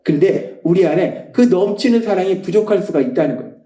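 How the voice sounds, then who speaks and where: A middle-aged male pastor preaches with a high, lively, swooping voice. His tone is mellow rather than bright, emphatic and passionate, with hushed quoted asides. The sound rings through a roomy church sanctuary. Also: brisk. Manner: emphatic, swings between rising passion and hushed quoting. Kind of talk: sermon. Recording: echoey church hall.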